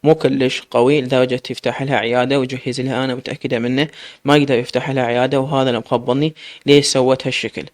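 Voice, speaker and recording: A man's voice: mid-range voice, little pitch movement, very fast, natural voice. A man with an Iraqi accent voicing a young woman who speaks firmly and curtly. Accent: Iraqi Arabic. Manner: firm, curt. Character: firm young woman, the eldest sister.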